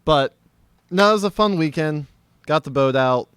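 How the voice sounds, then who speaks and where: A man co-hosting a podcast, telling a story in casual chat with animated, laughing delivery. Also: a little high, moderate pace, smooth, no room sound. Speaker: podcast co-host.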